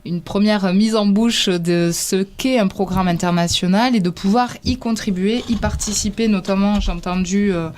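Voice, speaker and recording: A woman's voice: medium pitch, normal speed, hardly any pauses, a little mellow. A woman interviewing on radio as host, rephrasing as she goes in a hesitant manner. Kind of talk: semi-prepared radio interview.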